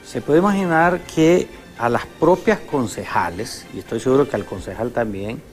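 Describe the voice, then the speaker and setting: A man's voice: medium pitch, normal speed. A man is the guest of a political interview show, taking the part of a congressman. He explains his points at length and often voices agreement, and faint music sits underneath his voice.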